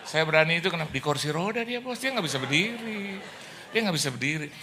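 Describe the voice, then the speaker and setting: A man preaching a sermon as pastor, telling lively stories with jokes and acted-out dialogue, in a church. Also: on the high side, fast, heavy background noise.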